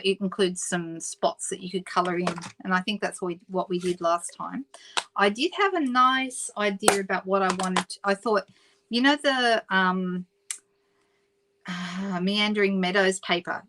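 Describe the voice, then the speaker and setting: Working through a casual live papercraft demonstration, this middle-aged Australian host chats away, reads viewer comments aloud and corrects herself as she goes. Her voice is medium in pitch with a sharp tone, and the audio is poor.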